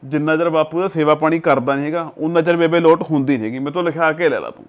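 An actor playing a young village husband with a Punjabi accent, calmly advising his wife and quoting proverbs. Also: fairly high pitch, fast, lightly acted. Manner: calm, coaxing, uses proverbs.

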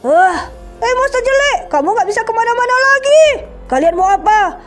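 A woman's voice: extremely high pitch, lively intonation, normal speed, soft background music, pitched above the performer's own voice. A woman voicing a cheerful young boy who leads the game, eager and a little bossy.

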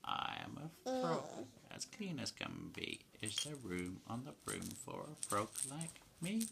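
A woman's voice: a bass voice, big pitch swings, a little slow, gravelly, a bit bright, slight background noise, voice pushed up, exaggerated voice. A woman voicing a polite, eager male frog from a storybook, in a chirpy, pleading voice.

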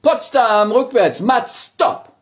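A middle-aged man performing backwards speech live, shouting out single words and then the same words reversed. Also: very high voice, expressive, takes it slowly. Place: small indoor room. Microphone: phone at arm's length.

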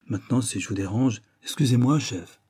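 A man's voice: medium pitch, a little fast, dark tone, breathy edge, natural voice. Man doing a teasing, ironic police inspector. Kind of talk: audiobook character reading.

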